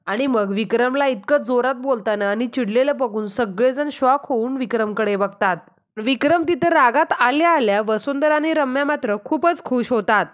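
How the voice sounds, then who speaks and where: Higher-voiced woman recapping a TV serial. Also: moderate pace. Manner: steady storytelling, quotes characters inline. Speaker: channel narrator. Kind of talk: retelling a TV serial episode.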